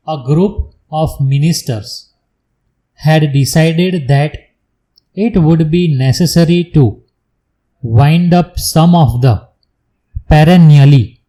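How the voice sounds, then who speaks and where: A man reading slow school dictation for shorthand practice, in short, separated, measured phrases. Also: on the high side, mellow, low-quality recording. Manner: measured delivery in short separated phrases, announcing paragraph breaks.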